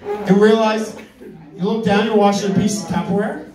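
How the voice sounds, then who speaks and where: High-pitched man doing stand-up, crowd laughing. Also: fairly even intonation, normal speed. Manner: conversational, profane, exasperated complaining. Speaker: amateur stand-up comedian. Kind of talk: stand-up comedy set. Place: live comedy venue with audience. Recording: echoey room, distant mic, audience laughter.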